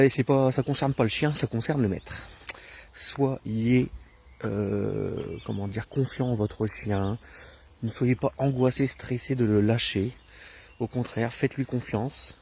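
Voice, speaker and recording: A man explaining dog training outdoors on a rural path, talking to viewers in a relaxed way with many hesitations, filmed alone on a handheld camera. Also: mid-range voice, vocal fry, a little hiss or hum. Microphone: camera filming alone, held himself.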